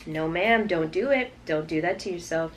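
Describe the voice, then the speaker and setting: Woman vlogger from canada, lowish voice, chatty storytime to viewers, bit of background noise. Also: normal speed. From Toronto, Canada. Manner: conversational, addressing viewers directly. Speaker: YouTube vlogger. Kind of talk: casual chatty mukbang storytime.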